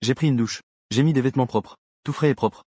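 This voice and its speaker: A man narrating a first-person story for a comic dub with a rapid, even delivery. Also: medium pitch, no echo.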